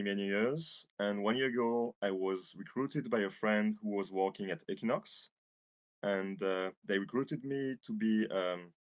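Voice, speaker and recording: Man, very deep voice, interview guest, hesitant, dry sound. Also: no echo. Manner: measured, with hesitations. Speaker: interview guest, card game player. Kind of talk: casual interview answers.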